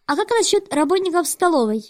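A woman's voice: very high voice, sing-song, a little fast, no room sound, studio quality. A woman voicing a clever, plucky teenage girl in an audiobook. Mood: questioning. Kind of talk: audiobook character reading.

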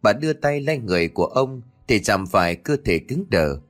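A man narrating a horror story in a dramatic, expressive manner. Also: fairly low pitch, moderate pace. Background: faint music.

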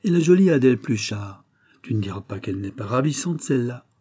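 A man's voice: mid-range voice, animated, fairly quick, warm tone, breathy edge, no room sound, clean studio sound. A man voicing a vain, blustering older banker who lectures his son in a familiar, exasperated tone. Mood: teasing, familiar. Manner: familiar, then scolding and exasperated.

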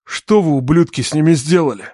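A man voicing a calm, menacing middle-aged father who interrogates slowly and coldly, in an audiobook story. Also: a little high, no echo, clean studio sound, close to an everyday voice. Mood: cold menace. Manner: cold, slow, commanding.

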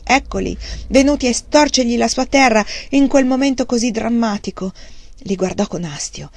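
A woman's voice: on the high side, a little mellow, no echo. A woman with an Italian accent reading a novel aloud expressively, sometimes dropping to a whisper. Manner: dramatic, dipping into whispers. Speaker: audiobook reader.

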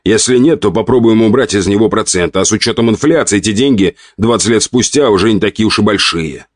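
A man's voice: lowish voice, a little fast, no echo, clean studio sound, pitched above the performer's own voice, close to an everyday voice. A man reading an audiobook, voicing a rude, irritable count in his forties who growls and mocks his wife. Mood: irritated. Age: 40s. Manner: gruff, snapping, mocking.

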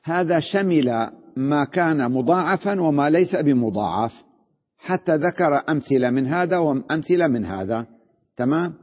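A man's voice: fairly high pitch, expressive, normal speed. A sheikh teaching Arabic grammar in a classroom lecture, explaining step by step, repeating terms and checking whether his students follow. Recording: dull recording with long hall reverb.

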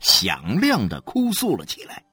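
An audiobook narrator reading a novel slowly and expressively. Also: mid-range voice, husky, no echo, soft background music. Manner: slow, expressive storytelling.

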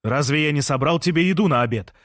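A man's voice: on the high side, quick pace, a bit bright, no room sound, studio quality, close to an everyday voice. A man doing a fretful, wailing expectant father. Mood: coaxing. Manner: fretting, wailing, smothering. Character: fussy anxious expectant father, middle-aged man.

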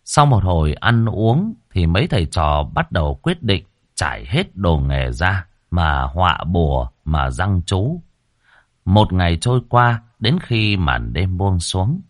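Lively low-voiced male storyteller. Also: unhurried, dry recording, clean studio sound. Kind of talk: audiobook horror story narration.

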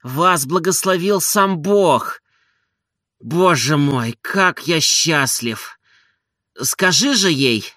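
A man voicing an emotional, excitable nobleman in an audiobook, gushing and pleading in turn. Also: fairly high pitch, extremely slow, no room sound, clean studio sound, voice pushed up, heavily acted. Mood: rapturous. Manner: gushing, pleading, breaking into tears and joy.

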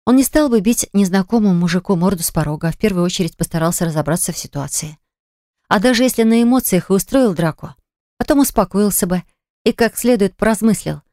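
A woman's voice: medium pitch, lively intonation, quick pace, a little mellow, no room sound, clean studio sound, lightly acted. A woman voicing a hurt young woman who answers her ex-fiancé in a cutting, reproachful way, in an audiobook. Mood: cold. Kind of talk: audiobook dialogue reading.

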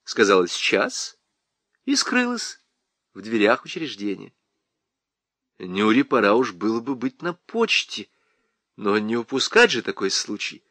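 A man reading a comic novel aloud as an audiobook narrator, with ironic, expressive storytelling. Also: on the low side, a little slow, pauses often, dry recording. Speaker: audiobook reader.

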